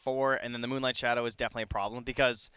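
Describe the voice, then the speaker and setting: A man's voice: medium pitch, little pitch movement, very fast, sharp tone, smooth, dry recording. A man casting a video game tournament, talking through the draft in a chatty, analytical way and now and then joking around. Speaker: esports caster. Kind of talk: casual draft analysis commentary.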